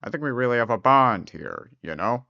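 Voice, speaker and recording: A performer voicing a big hairy male beast with a werewolf-like growl, sly and smooth-talking, in a storybook tale. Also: medium pitch, very animated, normal speed, no echo, dull audio. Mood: sly, chummy.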